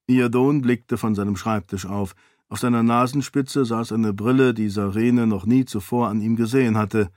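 A man with a mid-range voice reads a fantasy novel aloud for an audiobook, narrating from a script in a steady, measured way. The studio recording sounds clean and dry.

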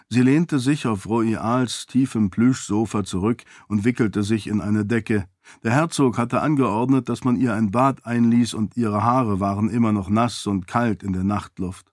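A man narrating an audiobook in a calm, even storytelling manner. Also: lowish voice, no echo, clean studio sound. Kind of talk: scripted narration.

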